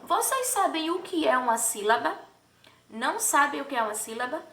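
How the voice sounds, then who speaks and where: Bright, sing-song woman teacher. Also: high voice, very animated. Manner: slow, drawn-out syllables for children; sing-song questions to pupils. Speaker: primary school teacher. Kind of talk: remote children's lesson. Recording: echoey room, distant from mic.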